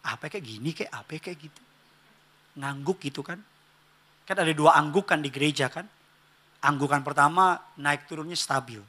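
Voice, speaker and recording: A male pastor preaching in a church with a high, ringing voice that has a sharp, piercing brightness. He is animated and comic, jumping from shouted punchlines to hushed asides and slipping into little character voices for family scenes. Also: moderate pace, long pauses, slightly rough. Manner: animated and humorous, swinging from loud exclamations to hushed asides. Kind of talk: sermon.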